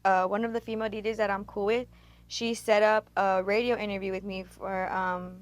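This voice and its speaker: A young woman from Texas chats through a casual interview in a relaxed, slangy way. She cusses freely and tells her stories at an easy, unhurried pace. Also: mid-range voice, dry recording. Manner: laid-back, slangy, profane storytelling. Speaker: rapper and guest.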